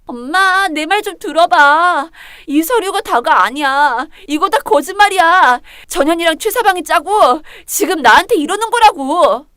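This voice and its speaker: Woman voicing a sobbing young woman, whiny and pleading, high pitch, dry sound. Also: lively intonation, a little slow, hardly any pauses, sharp tone, dry recording, exaggerated voice.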